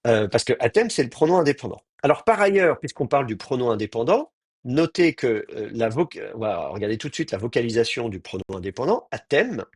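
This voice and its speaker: A man's voice: medium pitch, very animated, fairly quick, breathy edge, no echo, clean studio sound. A man teaching an advanced class, explaining step by step with many hesitations and fillers. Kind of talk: online class lecture.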